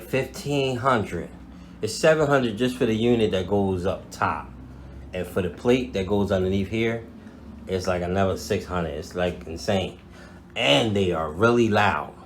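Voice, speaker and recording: An American man with a deep voice vlogs casually to his viewers, showing them around as he goes in a slangy, informal unboxing and walkthrough talk to camera. There's slight background noise.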